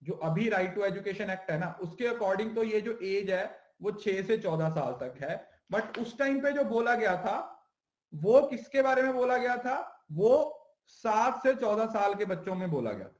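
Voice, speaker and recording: A man's voice: high voice, animated, moderate pace, reverberant. A male teacher giving an exam-prep lecture in Hindi mixed with English, who asks questions and answers them himself and repeats the key terms.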